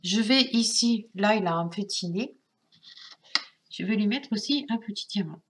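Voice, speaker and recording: A woman with a French accent hosting a craft tutorial, calmly narrating each step, her voice nasal from a cold. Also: medium pitch. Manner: slow, calm, narrates each step with little sound words. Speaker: craft channel host.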